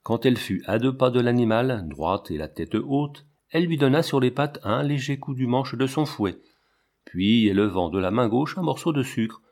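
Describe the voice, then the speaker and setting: A man reading a novel aloud as an audiobook, in a measured, steady way. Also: medium pitch. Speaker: narrator. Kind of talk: audiobook narration.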